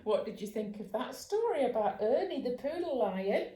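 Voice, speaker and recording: A woman, a children's author, reading a bedtime story aloud in a lively, expressive way. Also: a little high, moderate pace. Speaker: children's author and dog trainer. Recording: roomy echo.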